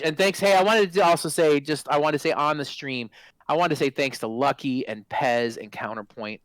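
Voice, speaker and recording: A man in his forties chats as a stream guest, excitable and loose, restarting sentences and swearing freely. His voice sits at an ordinary pitch. The sound is dry and close. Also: clean tone, no echo, poor audio. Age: 40s. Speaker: guest, former game product manager. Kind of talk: casual interview chat.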